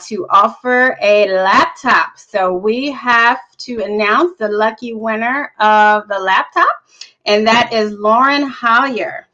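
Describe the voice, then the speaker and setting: Bright-voiced woman hosting a virtual conference. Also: mid-range voice, dull audio. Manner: upbeat, chatty, many fillers. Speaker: conference host.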